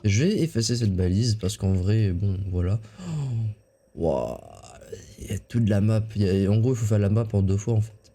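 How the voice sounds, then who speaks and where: A man's voice: lowish voice, animated, moderate pace, warm tone. A man casually commentating a video game as he plays and reading the on-screen dialogue aloud. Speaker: gamer. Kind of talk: let's play commentary.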